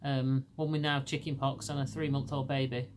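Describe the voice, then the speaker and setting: Speaking casually on her podcast, a middle-aged Englishwoman with a Lancashire accent keeps a level, darkish tone at normal speed, with slight background noise. She has a deep voice still hoarse from laryngitis and rambles, restarting often.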